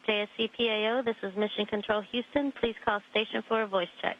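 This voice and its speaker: A woman's voice: mid-range voice, steady tone, fast. A woman working as a mission control communicator, making clipped, procedural calls over a space-to-ground radio. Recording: muffled narrow radio link.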